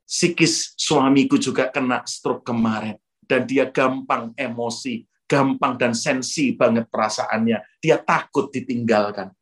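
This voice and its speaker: Man preaching an animated storytelling sermon. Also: mid-range voice, measured pace. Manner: storytelling preacher who constantly addresses listeners as brothers. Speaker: pastor.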